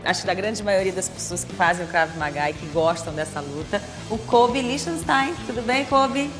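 A woman TV host leading an interview in a lively, chatty, teasing way. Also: mid-range voice, normal speed, in a large hall, over music.

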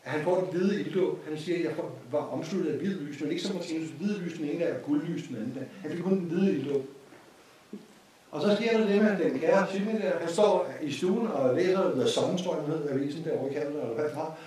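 Danish guy lecturing a course, kinda high voice, far off mic in a really echoey room. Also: slight background noise. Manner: storytelling, repeats phrases, animated asides. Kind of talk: informal spoken lecture. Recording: echoey hall from a distance.

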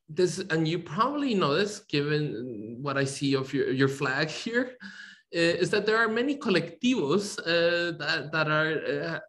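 A middle-aged architect from Colombia talks on a video call in an academic webinar. His voice sits a little higher than most men's, and he hesitates, filling his sentences with uhs and restarts. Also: fairly bright tone. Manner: hesitant, many fillers and restarts. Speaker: architect, guest speaker. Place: home room, video call. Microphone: computer mic on video call.

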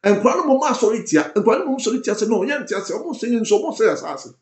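A man's voice: extremely high pitch, very fast. A man with a Ghanaian accent giving political commentary as an online show host, mixing English and Twi with emphatic delivery. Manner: switches between English and Twi, animated and emphatic. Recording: roomy echo.

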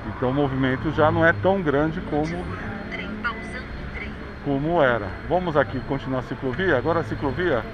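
A man's voice: fairly high pitch, fairly quick. A Brazilian man narrating a city bike ride outdoors, chatting like a tour guide and pointing things out along the way. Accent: Brazilian Portuguese. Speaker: vlogger. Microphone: action camera on handlebars. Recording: dull action-camera audio with street noise.

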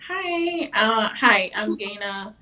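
A woman from Jamaica with a slight Jamaican accent, a relaxed, self-deprecating panel guest on a video call. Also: medium pitch, takes it slowly. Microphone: video call webcam.

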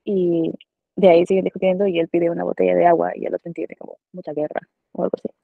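Student girl answering, kinda unsure, husky low voice, tinny call audio. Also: flat delivery, fast talker, no echo. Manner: tentative, thinks aloud. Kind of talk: answering in class. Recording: tinny phone-like call line.

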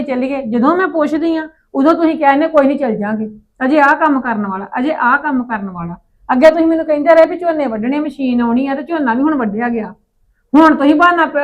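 A woman's voice: sits high, muffled recording. A woman playing a farmer's wife, complaining and nagging. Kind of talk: village drama acting.

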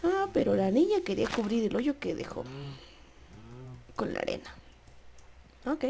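Woman gamer, chatty and playful, gravelly edge to the voice. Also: a little high, very animated, unhurried, dark tone. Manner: chatty, coaxes animals playfully. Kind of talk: casual gameplay commentary. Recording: noisy home recording.

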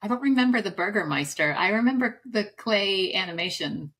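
A woman hosting a podcast in casual conversation. Her voice has a husky edge at a middle pitch. She answers her guest with short, warm affirmations. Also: expressive, brisk. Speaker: podcast host. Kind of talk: casual interview chat.

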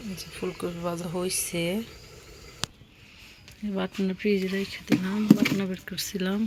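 A woman's voice: mid-range voice, flat delivery, measured pace. A woman giving plain, matter-of-fact narration as she cooks in her home kitchen. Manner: plain, matter-of-fact commentary while cooking. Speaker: home cook vlogger. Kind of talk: casual cooking narration. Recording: noisy kitchen with loud sizzling. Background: loud frying and sizzling.

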